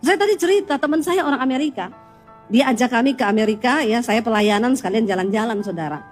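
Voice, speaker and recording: Woman pastor, sermon, high-pitched, teasing humor, church congregation. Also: fast talker, faint music behind. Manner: lively storytelling with teasing humor, often calls out to the congregation.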